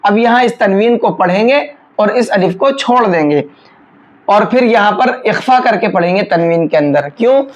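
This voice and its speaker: A patient recitation teacher working through a tajweed lesson, one rule at a time. The explanations are calm and plain, then the voice stretches out into slow, chanted recitation of each word before returning to plain teaching. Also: mid-range voice, muffled recording.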